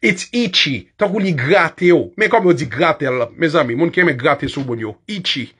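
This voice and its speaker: A man's voice: fairly high pitch, animated, moderate pace, fairly bright tone, breathy edge. A man with a Haitian accent teaching English body-part words in a casual lesson, chatty, laughing often and spelling words out letter by letter.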